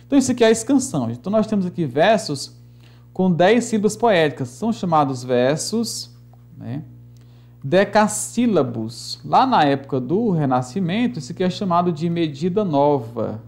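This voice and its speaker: A man teaching a recorded literature lesson, patiently explaining rhyme and meter, slowing down to count syllables aloud and often checking in with "né" and "tá". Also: fairly high pitch, sing-song, darkish tone, soft background music.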